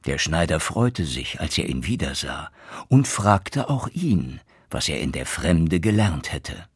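Slow, expressive male fairy-tale reader. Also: rumbling low, husky, dry recording, clean studio sound. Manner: very expressive, dramatic storytelling. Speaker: storyteller.

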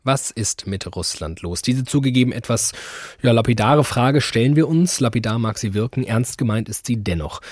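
A man presenting a radio program, reading calm, scripted links. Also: medium pitch, moderate pace, dry recording, studio quality. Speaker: radio host.

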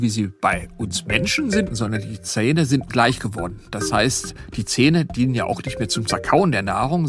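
A man speaking as an expert, explaining step by step in simple words, as in an interview. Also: mid-range voice. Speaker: whale expert.

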